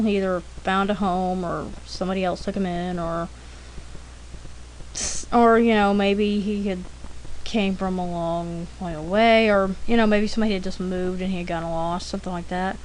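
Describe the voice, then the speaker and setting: A woman with a mid-range, darkish voice speaks at normal speed while narrating a drawing demonstration. Her commentary rambles through anecdotes in a chatty, informal style, and she clears her throat a lot. Slight background noise accompanies the poor audio.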